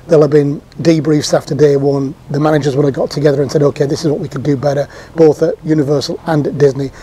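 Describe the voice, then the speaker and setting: Husky-voiced man chatting to camera. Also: a little high, dark tone. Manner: chatty, with frequent ums and restarts. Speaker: theme park vlogger. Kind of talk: casual recap to camera. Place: outdoor patio, seated on a sofa.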